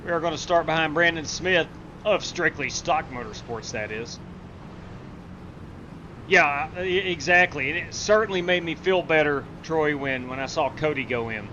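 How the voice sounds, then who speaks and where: A man's voice: a little high, normal speed, pushed and bright, dull audio. A man talking casually to his crew as a race car driver. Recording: clear vehicle noise behind voice. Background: car and vehicle noise.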